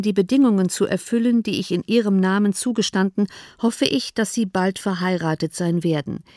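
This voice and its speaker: A woman reading a sober middle-aged uncle's formal letter in an audiobook, measured and earnest. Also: medium pitch, a little mellow, no room sound, studio quality, lightly acted.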